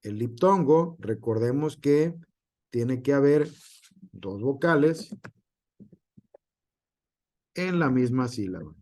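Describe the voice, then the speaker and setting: A male teacher lecturing to an online class at a slow, unhurried pace and a middle pitch. He sounds out example words one at a time. He fills his pauses with "este" and keeps checking in with "¿sale?". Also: animated, darkish tone. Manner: frequent fillers and tag question.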